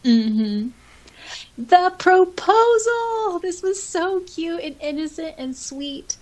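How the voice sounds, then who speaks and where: On a low-quality recording, a woman co-hosting a podcast speaks in a very high, expressive voice with a darkish tone and slow pace. She chats casually, reading and reacting to listener comments and gushing over them and her favorite stories.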